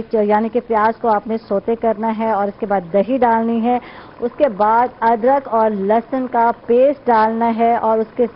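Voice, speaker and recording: Woman, morning show host, fairly high voice, chatty, dull studio sound with faint hiss. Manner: chatty, affirming with frequent "theek hai". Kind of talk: live cooking segment chat.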